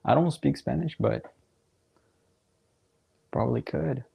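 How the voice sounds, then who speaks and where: In a lo-fi recording, a young man with a mid-range voice, vocal fry and a breathy edge takes his time commenting on a soccer match during his livestream watchalong. He sounds relaxed and rambling, using many fillers and little laughs.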